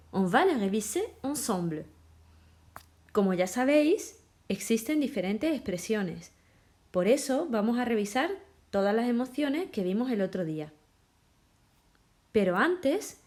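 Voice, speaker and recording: Slow, lively teacher woman. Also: mid-range voice. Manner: switches between French and Spanish, models pronunciation slowly. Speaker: French teacher. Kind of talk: slow, clear classroom lesson.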